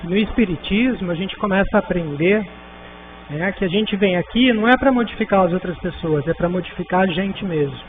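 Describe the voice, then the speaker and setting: A man joins in on an informal class in a conversational way, ending his points with "né?". His voice is very high for a man. The recording is thin and phone-like, with a faint hum underneath. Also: a little fast. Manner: conversational, ends with "né?". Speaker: co-teacher.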